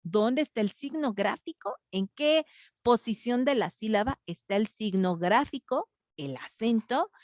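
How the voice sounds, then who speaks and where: A woman's voice: a little high, animated, unhurried, darkish tone, dry recording, studio quality. A woman with a Mexican Spanish accent teaching an online grammar class, patiently questioning students and thinking aloud with fillers.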